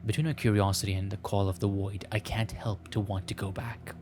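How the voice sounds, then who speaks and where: This gameplay host has a lowish, darkish voice with a level tone, speaking fairly quickly over a little hiss or hum. He reads a visual novel aloud with playful self-mockery and stumbles, while music plays behind him.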